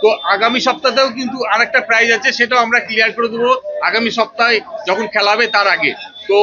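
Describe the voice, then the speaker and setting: A man's voice: very high voice, fairly even intonation, fast talker, bright, forceful tone. A man making an unscripted, insistent announcement as a store representative, in slightly dull location sound.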